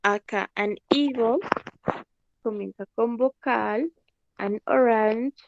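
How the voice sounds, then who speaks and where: A woman's voice: on the high side, slow, gravelly, lo-fi sound, noisy background. A woman teaching an English class online, explaining patiently and often checking that students follow. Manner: patient, checks understanding with frequent "¿listo?".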